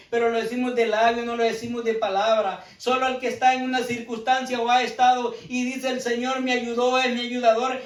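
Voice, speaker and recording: Guy preaching in church, really high voice, fervent, sounds far off. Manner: fervent, addresses the congregation often. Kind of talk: sermon. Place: church hall. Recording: echoey church room, from far off.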